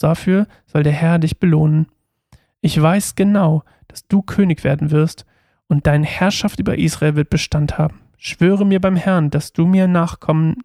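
A man's voice: fairly high pitch, warm tone, dry recording, clean studio sound. A man at home reading a Bible passage aloud, then retelling it casually with many fillers. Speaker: Bible reader and commentator.

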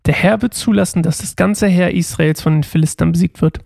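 A man voicing the reproachful ghost of an old male prophet, read in a grave, gravelly voice. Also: high voice, fairly even intonation, a little fast, a little mellow, no room sound, clean studio sound. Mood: stern.

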